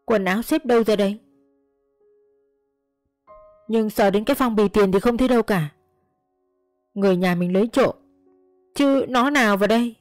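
A woman's voice: medium pitch, normal speed, pauses often, no room sound, soft background music, close to an everyday voice. A woman voicing a grief-stricken elderly village woman who talks through tears in a quavering voice. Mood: tearful. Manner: tearful, quavering, pleading.

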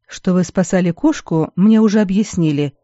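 A woman doing a gruff, sardonic stepmother. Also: on the low side, moderate pace, warm tone, no room sound, lightly acted. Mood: stern, dry. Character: stern wry injured adult woman, stepmother. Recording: dull lo-fi recording.

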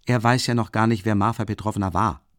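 Man reading a calm steady young woman. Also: lowish voice, dry recording, studio quality, lightly acted. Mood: firm. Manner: calm, measured, reassuring. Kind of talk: audiobook character reading.

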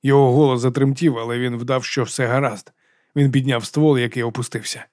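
A male audiobook narrator reading in a steady, measured way, at an ordinary middle pitch. The voice is recorded close on a studio mic, completely dry with no room sound. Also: no echo. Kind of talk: scripted narration.

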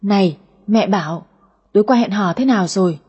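A woman's voice: medium pitch, a little fast, darkish tone, breathy edge, dull audio. A woman playing a nagging, fussing mother. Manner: nagging, complaining.

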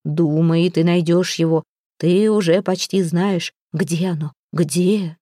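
A woman voicing an excitable, stern chieftain father in a read-aloud story. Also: on the low side, slow, no echo, clean studio sound. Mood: excited. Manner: agitated, exclaiming.

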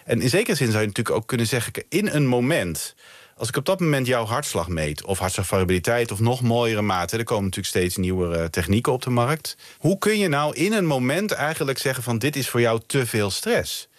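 A man's voice: mid-range voice, big pitch swings, a little fast, no echo. A Dutch-accented man, a researcher guest on a night radio interview, explaining thoughtfully with many fillers and restarts. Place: radio studio. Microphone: studio mic.

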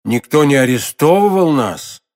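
A man's voice: a little high, animated, normal speed, darkish tone, natural voice. A man voicing a jovial, hearty musketeer with a bluff, blunt manner. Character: jovial hearty male musketeer, fond of wine.

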